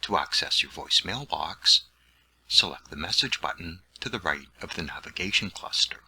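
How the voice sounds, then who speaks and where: A man's voice: low voice, lively intonation, normal speed, sharp tone, husky, poor audio. A man narrating a scripted instructional tutorial in a plain, step-by-step way.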